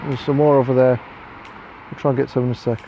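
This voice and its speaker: Walking past fields with his phone camera, an Englishman in his 30s delivers a sweary, blunt, rambling vlog, ranting and mimicking people in sarcastic voices. He talks fast in a warm, medium-pitched voice with little pitch movement. The audio is dull, with slight background noise.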